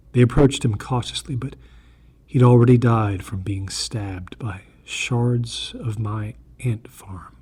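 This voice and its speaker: Reading a scripted horror tale told in the first person, a man sounds deliberate and earnest. His medium-pitched voice is warm with a slight huskiness.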